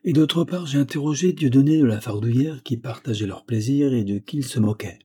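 A man's voice: medium pitch, brisk, dark tone, breathy edge, natural voice. A man reading the lines of a frail, pious old grandfather who tenderly pleads with his granddaughter. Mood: earnest. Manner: earnest, tender entreaty.

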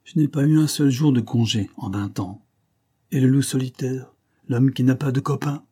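A man voicing a gruff, boastful aging police commissioner in an audiobook, speaking raised and emphatic with a sardonic edge. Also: medium pitch, lively intonation, normal speed, dark tone, pitched above the performer's own voice.

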